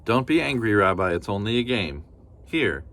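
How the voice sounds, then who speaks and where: A man voicing a kindly old grandmother who fusses warmly over her guest. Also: lowish voice, big pitch swings, normal speed. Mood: doting. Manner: doting, gently scolding.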